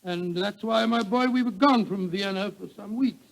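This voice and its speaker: An avuncular old British doctor from a 1940s radio play. His voice sits very high for a man, and he blusters, repeats himself and spins his tale fondly. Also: normal speed, gravelly, low-quality recording. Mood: genial storytelling. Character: elderly genial doctor, fussy storytelling companion of a detective. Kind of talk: 1940s radio drama acting and narration.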